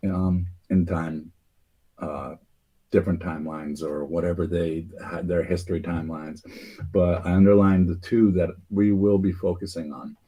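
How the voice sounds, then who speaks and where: A man with a low, husky voice talks casually as host. He rambles, restarting sentences and filling pauses with "um" and "uh". His tone stays mellow and dark throughout. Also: little pitch movement. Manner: rambling, hesitant, many fillers and restarts. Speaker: podcast host. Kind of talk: casual conspiracy talk.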